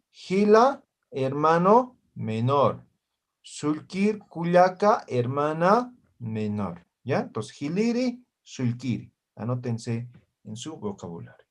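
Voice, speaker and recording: A man teaching a language class over a video call, slowly repeating words and checking in with his students. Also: a little high. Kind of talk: online class teaching vocabulary.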